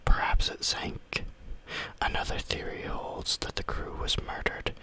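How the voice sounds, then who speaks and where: A man reading spooky stories aloud as ASMR in a breathy, unvoiced whisper, with deliberate phrasing.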